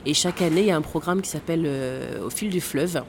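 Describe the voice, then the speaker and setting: A Caribbean woman in her thirties, born in Guadeloupe and raised in French Guiana, gives interview answers about her work as a tour guide at a space center. Her voice is low, quick and slightly mellow, with a faint hiss or hum in the audio. She explains things hesitantly, filling gaps with lots of fillers and laughing now and then.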